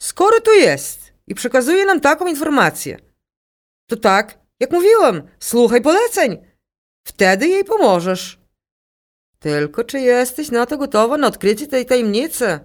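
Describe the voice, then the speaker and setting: A woman voicing a calm, commanding female psychic medium with a Ukrainian accent, speaking slowly and insistently. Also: sits high, pitched above the performer's own voice. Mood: earnest. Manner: slow, insistent, instructing. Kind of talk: audiobook character reading.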